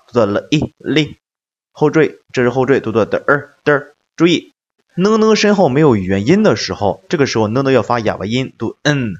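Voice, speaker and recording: Man teaching phonics, slow modeled sounds. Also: medium pitch, muffled recording. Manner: explains step by step, drawing out sounds slowly when modeling words. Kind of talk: phonics lesson narration.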